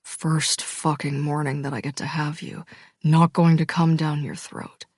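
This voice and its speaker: A woman voicing a young man in a romance audiobook, speaking in a low murmur. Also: little pitch movement, a little slow, a little mellow, breathy edge, dry recording, studio quality.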